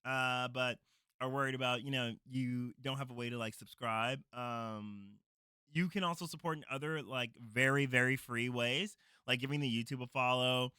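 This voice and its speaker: Male stream host, casual and appreciative, forceful bright tone, clean smooth voice. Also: medium pitch, steady tone, normal speed, no echo. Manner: upbeat, appreciative, informal. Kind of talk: casual livestream chat.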